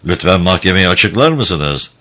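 A man's voice: low-pitched, sing-song, moderate pace, sharp tone, exaggerated voice. A man voicing a stern male court official who questions a witness in a formal, probing way. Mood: questioning.

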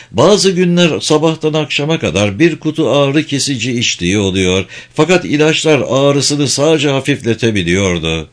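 Calm man narrating an audiobook. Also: mid-range voice.

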